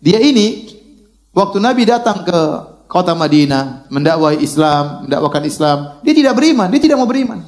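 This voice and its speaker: A middle-aged man preaching a sermon in storytelling style, shifting between loud exclamations and hushed quoted speech, laughing along with his audience. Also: high voice, big pitch swings, brisk.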